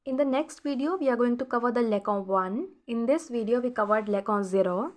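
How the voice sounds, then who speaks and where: Woman teacher, a little high-pitched, patient quizzing delivery with slow repeats. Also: expressive. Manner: repeats key words slowly for learners, quizzing tone. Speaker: French teacher. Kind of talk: recorded classroom lesson voice-over.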